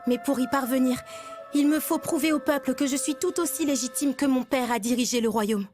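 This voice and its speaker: A woman's voice: high-pitched, a little fast, darkish tone, lightly acted. Woman doing a serious young princess for an anime dub, formal and earnest, music under her.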